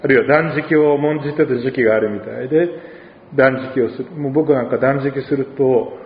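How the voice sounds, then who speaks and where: A male pastor with an Oita accent preaches a sermon in a conversational way, with dialect asides and gentle humor. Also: mid-range voice, brisk, roomy sound, in a large hall, muffled recording, a little hiss or hum. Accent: Oita Japanese.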